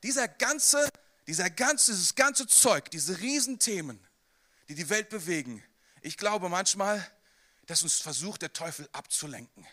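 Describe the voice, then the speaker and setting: A man with a high, bright voice preaching a sermon. He talks in a lively, conversational way and keeps turning to the listener with direct questions. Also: measured pace.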